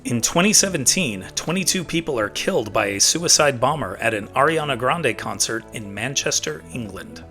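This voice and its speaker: A middle-aged man from the United States hosting a history show, reading scripted narration in a crisp, presentational way. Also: mid-range voice, expressive, normal speed, hardly any pauses, pushed and bright. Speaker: host of a daily history show. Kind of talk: scripted narration for online video. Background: background music.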